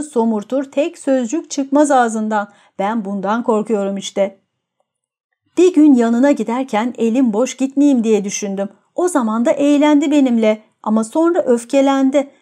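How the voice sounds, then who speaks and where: A woman's voice: fairly high pitch, warm tone, lightly acted. A woman voicing a tormented, jealous young man who tells his story in a gloomy, brooding way.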